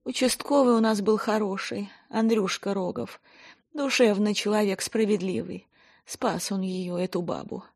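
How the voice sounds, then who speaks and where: A woman's voice: mid-range voice, normal speed, darkish tone, close to an everyday voice. Woman doing a blunt, stern village woman. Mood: stern storytelling. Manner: plain-spoken storyteller, blunt and earthy.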